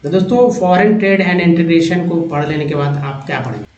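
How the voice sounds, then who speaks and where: A man teaching a lesson on reading English, sounding out words slowly and spelling letters aloud. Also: a little high, a little mellow, a little hiss or hum. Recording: roomy, dull lo-fi sound.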